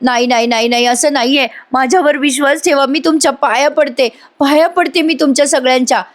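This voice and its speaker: A woman's voice: fairly even intonation, fairly quick, lightly acted. A woman voicing a desperate pregnant young woman who begs and pleads. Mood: begging. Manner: pleading, tearful, high-pitched.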